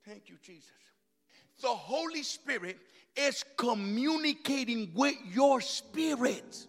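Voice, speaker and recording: A preacher gives a sermon in a very high, bright male voice with lively intonation, slipping into rapid, quieter asides before climbing back to shouting. A long-reverb hall surrounds him, with soft music underneath.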